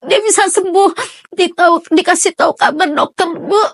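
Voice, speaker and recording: A middle-aged woman telling a personal story in an interview, halting and emotional, with many restarts. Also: very high voice, no room sound. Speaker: interviewee, mother of a sick child.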